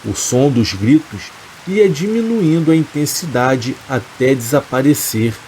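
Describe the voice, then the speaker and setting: A man, calmly reading a scripted horror story in a steady, measured way. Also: mid-range voice, a little hiss or hum, poor audio. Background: rain.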